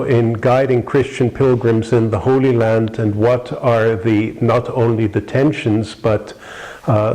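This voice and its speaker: A man's voice: medium pitch, warm tone, low-quality recording. A middle-aged man from New York with an American accent, giving a rambling public lecture with many fillers and restarts. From New York City, USA.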